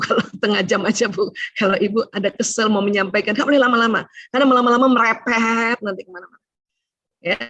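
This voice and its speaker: A middle-aged woman doctor giving a chatty seminar talk to women, often adding "ya" as she explains, with sudden rises and hushed asides. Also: mid-range voice, no room sound, muffled recording. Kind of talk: seminar lecture to a women's audience.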